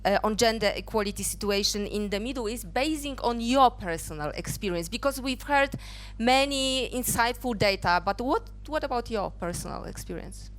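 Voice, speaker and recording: Woman moderator from Poland, smooth clear voice, hesitant phrasing, handheld mic. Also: on the high side, lively intonation. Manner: halting, filler-heavy questions. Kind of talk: moderating a panel. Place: conference stage.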